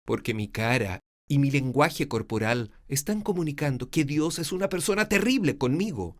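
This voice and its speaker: A man giving a lecture on preaching, speaking in a clear, measured teaching manner. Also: animated. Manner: demonstrates pitch and volume shifts, swinging from soft to loud. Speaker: preaching instructor. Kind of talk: homiletics lecture with spoken demonstrations.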